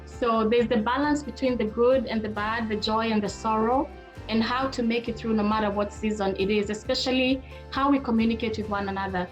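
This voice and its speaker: A middle-aged woman from Kenya, a marriage therapist, hosts a webinar on an online video call and speaks to listeners directly in a casual, conversational tone. Her voice is fairly high with fairly even intonation and a slightly fast pace. Soft music plays in the background.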